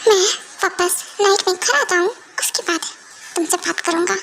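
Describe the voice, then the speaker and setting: A woman's voice: extremely high pitch, moderate pace, a bit bright, a little hiss or hum. A woman voicing a cold, bossy young mafia husband who gives curt orders in an amateur fan dub. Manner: curt, commanding, dismissive.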